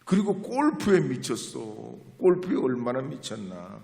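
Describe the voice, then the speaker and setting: A middle-aged male pastor preaching a sermon, switching from quiet asides to the congregation to loud, emphatic exclamations. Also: mid-range voice, sing-song, a little slow, creaky. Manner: chats with the congregation, asks them to repeat after him. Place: church sanctuary. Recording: long hall reverb in a church.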